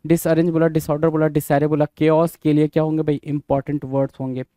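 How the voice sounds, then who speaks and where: Fields: Male. Mellow voice, dry sound. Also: a little high, little pitch movement, fast talker, dry recording. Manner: repetitive call-and-response, asks and answers himself; spells words letter by letter. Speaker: English vocabulary teacher. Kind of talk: exam-prep vocabulary lesson.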